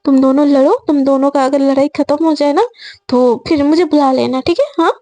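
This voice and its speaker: A gentle, peacemaking young woman, as a storyteller puts her on, soothing and pleading with her friends. Her voice is high and warm. The recording is dry. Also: fairly even intonation, fairly quick, dry recording. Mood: coaxing.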